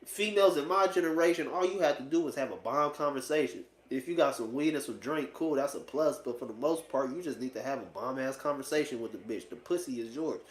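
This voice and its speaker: This man, in his late twenties, talks fairly quickly in a mid-range voice with hardly any pauses. He's a vlogger sharing dating opinions, and his monologue is blunt, slangy, and profane, with phrases casually repeated for emphasis. The room sound is echoey.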